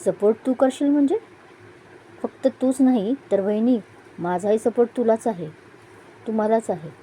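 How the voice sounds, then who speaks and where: A woman's voice: fairly high pitch, moderate pace, dark tone, a little hiss or hum, natural voice, rough recording. A woman voicing a playful young man who teases his elder brother, in an audio story. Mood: teasing. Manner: teasing, playful.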